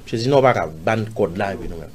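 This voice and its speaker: A man with a Haitian accent, an interview guest recounting a personal story, acting out other people's lines with sudden loud jumps and dropping to murmurs. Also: fast talker. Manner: animated, acts out others' lines in raised voice; drops to low murmurs and whispers.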